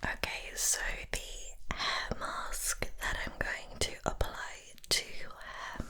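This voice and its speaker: A woman performs a whispered role-play as a spa therapist. Her voice is a soft, breathy whisper, delivered very slowly. The manner is gentle and soothing, as if looking after a client in the chair.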